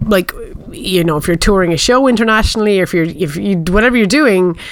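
A woman's voice: mid-range voice, quick pace, low-quality recording. A woman from Ireland with an Irish accent, talking in a casual, conversational style. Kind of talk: casual chat.

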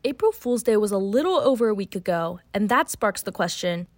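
A young woman hosting and narrating a student news podcast in an even, measured way. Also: medium pitch, a little hiss or hum. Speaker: podcast host and reporter. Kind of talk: scripted narration.

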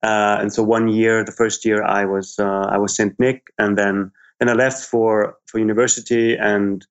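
Austrian guy, monotone, keeps restarting sentences, muffled audio. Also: on the low side. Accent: Austrian German. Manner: restarts often, searching for words. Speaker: ethnographer. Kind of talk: casual interview.

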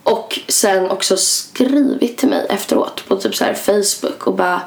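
A young woman chatting casually as a podcast guest, telling an animated story, acting out quotes and laughing often. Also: mid-range voice, vocal fry. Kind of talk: casual chat. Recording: echoey room.

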